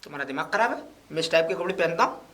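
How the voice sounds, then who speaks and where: A woman's voice: lowish voice, animated, very fast, close to an everyday voice. A woman playing a jealous young husband in a comedy sketch, accusing and argumentative. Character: jealous young husband, suspicious and hot-tempered.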